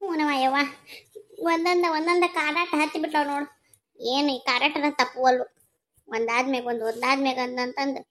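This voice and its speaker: A woman's voice: high voice, steady tone, brisk, a bit bright. A woman with a North Karnataka Kannada accent voicing a worried, protective village mother who frets and laments in a cartoon. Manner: fretful, lamenting. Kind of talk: cartoon voice acting.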